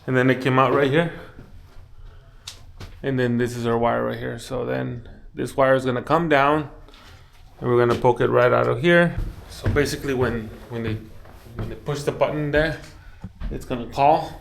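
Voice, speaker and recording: With a steady, mid-range voice, normal speed, vocal fry, and long pauses, an installer and video host walks viewers through access control work inside an office job site. It's unscripted and instructive, full of thinking aloud and repeated phrases, with a little hiss or hum on the audio.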